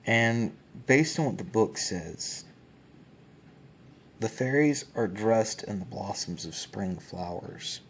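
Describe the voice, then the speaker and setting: A man hosting ASMR in a soft, unhurried way, often near a whisper, pausing as he describes things. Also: on the low side, a little hiss or hum. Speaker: ASMR host. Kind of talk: soft ASMR book show-and-tell, often dropping to a whisper.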